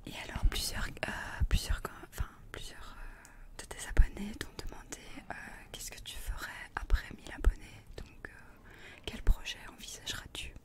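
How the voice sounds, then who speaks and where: Whispering breathily right up against a desk condenser microphone, a twenty-something co-host haltingly reads out questions from viewers. The setting is a cramped attic room indoors.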